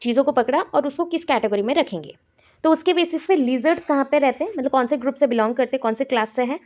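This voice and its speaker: A woman's voice: high voice, quick pace, a little mellow. A woman teacher from India giving an exam-prep lecture, explaining terms step by step and repeating the key words.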